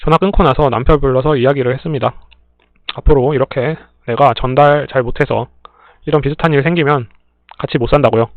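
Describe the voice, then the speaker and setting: A man's voice: mid-range voice, dry recording. Man reading stories on a tinny line. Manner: plain steady reading, brief dry remarks. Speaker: story reader and channel host. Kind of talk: reading listener stories aloud with short comments. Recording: tinny phone-like dry sound.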